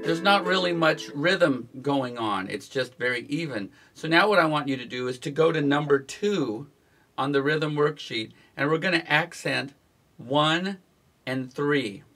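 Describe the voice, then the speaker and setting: Guitar teacher, male, slightly high voice, calm how-to delivery, counts beats aloud, guitar strumming under his talk. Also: unhurried. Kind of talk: relaxed instructional talk. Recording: guitar playing behind the voice.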